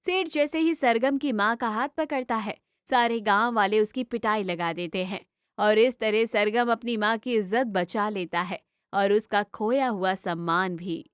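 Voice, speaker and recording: A woman narrating a cartoon moral story in an even storytelling delivery. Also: medium pitch, measured pace, smooth, no room sound, studio quality.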